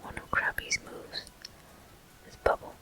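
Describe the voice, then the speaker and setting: As a gameplay host, this person whispers a video game walkthrough in ASMR style. The delivery is soft and breathy, slow and deliberate, broken into short phrases.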